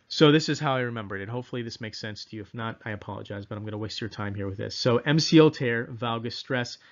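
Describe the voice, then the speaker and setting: Male instructor, mid pitch, relaxed lecture with ums, somewhat muffled recording. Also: quick pace. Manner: casual, self-deprecating, repeats mnemonics with filler ums. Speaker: exam review instructor. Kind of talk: recorded exam-prep lecture.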